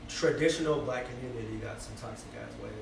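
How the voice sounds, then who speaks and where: A man's voice: mid-range voice, fast talker, creaky, over music. A man in his twenties with a Bay Area accent, a rapper guest talking loosely and reflectively, full of fillers. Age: 20s. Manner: loose, reflective, many fillers and "you feel me". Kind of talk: casual interview chat. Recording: echoey room, distant mic, noisy.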